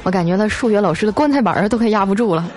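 Lively woman telling funny stories. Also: medium pitch, faint music behind, a faint crowd. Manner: lively, drawn-out "啊" fillers between phrases. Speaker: storyteller host. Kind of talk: scripted comic storytelling.

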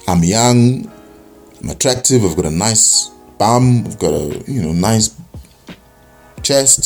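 A man's voice: fairly low pitch, a little mellow. Rambling young South African man. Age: young adult. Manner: rambling, many fillers and restarts. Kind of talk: casual opinion monologue.

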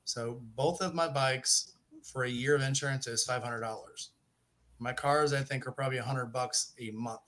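A man's voice: mid-range voice, fairly even intonation, moderate pace, sharp tone. A middle-aged man hosting a casual podcast chat. He rambles, corrects himself mid-sentence and jokes. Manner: rambling, self-correcting, joking. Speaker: podcast host.

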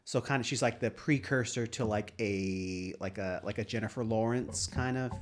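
A man co-hosting a casual movie discussion, talking in a halting way with plenty of "like". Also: fairly low pitch, over loud music. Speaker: podcast co-host.

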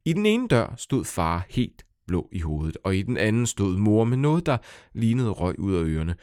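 A man's voice: on the low side, big pitch swings, a little mellow, no echo, studio quality. A man narrating his own children's story, playful and speaking directly to young listeners. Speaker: storyteller and author.

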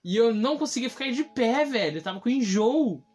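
A man's voice: extremely high pitch, animated, fairly quick, darkish tone, breathy edge, soft background music. A young man with a Brazilian Portuguese accent, telling a personal story in a casual, slangy, dramatic way. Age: young adult.

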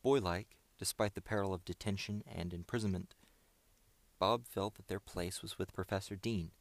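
Deep gravelly male narrator. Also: steady tone, moderate pace, no echo. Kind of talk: audiobook narration.

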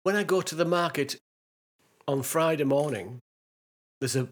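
A man co-hosting a podcast, chatting casually with quick jokey interjections. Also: a little high. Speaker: podcast co-host. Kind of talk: casual chat.

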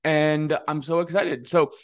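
A man's voice: fairly high pitch, steady tone, unhurried. Upbeat man with a slight lisp. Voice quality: slight lisp, slurred as if numbed. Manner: upbeat, eager, many fillers. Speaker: podcast host and money coach. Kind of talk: casual podcast monologue.

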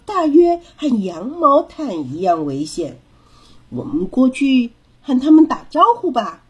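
Storybook: a bossy, playful young girl, put on by a woman, lively and breathy. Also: sits high, a little slow, muffled recording, voice pushed up, heavily acted. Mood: teasing. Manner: bossy and teasing.

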